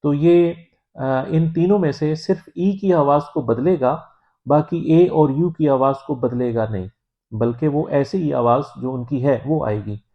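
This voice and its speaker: A man from Pakistan giving a language lesson, explaining in a measured, patient way with frequent hesitant pauses. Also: a little high. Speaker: French teacher. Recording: dull lo-fi recording.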